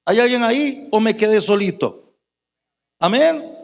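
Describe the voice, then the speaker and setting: A man's voice: high-pitched, animated, unhurried, creaky, big-room sound. A male pastor preaching a fervent sermon, firing rhetorical questions at the congregation.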